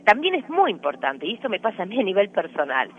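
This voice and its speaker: Speaking fast with a notably high pitch, huge pitch swings, and a Rioplatense Spanish accent, a man earnestly lectures on parenting ideas. He's a radio interview guest coming through a thin, tinny phone line.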